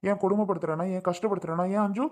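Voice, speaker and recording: A man's voice: sits high, steady tone, very fast, darkish tone, natural voice. A man playing a hot-tempered young husband. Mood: defiant. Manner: defiant, heated, repeats questions. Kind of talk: family drama skit.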